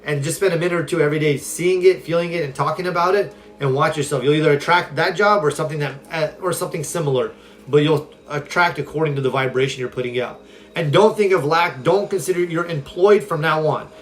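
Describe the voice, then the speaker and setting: A self-help coach from California runs a casual live-stream Q&A, reading viewer comments aloud in an upbeat, conversational manner. He has a slightly high voice, talks fast, and is recorded on a phone.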